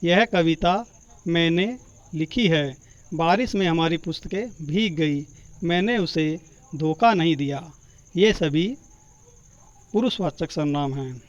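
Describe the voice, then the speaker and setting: A man teaching a grammar lesson, slow and deliberate, drawing out each example word. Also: fairly high pitch. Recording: dull, muffled lo-fi sound.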